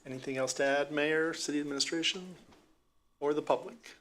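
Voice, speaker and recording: A man with a somewhat high voice runs a council meeting from the chair. He calls agenda items in a courteous, procedural way and speaks into a desk microphone in the council chamber. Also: fairly even intonation, a little fast, fairly bright tone, a little hiss or hum. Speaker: council president.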